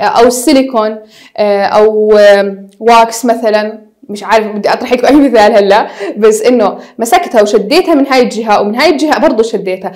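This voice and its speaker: A young woman gives a casual university lecture, mixing in English technical terms and pausing often on hesitation sounds. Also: fairly high pitch. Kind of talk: recorded lecture.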